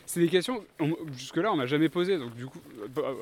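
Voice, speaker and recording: A man's voice: fairly high pitch, fast. Man casually recounting travel stories. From France. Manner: relaxed anecdotal storytelling. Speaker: co-host of a travel podcast. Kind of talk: casual chat.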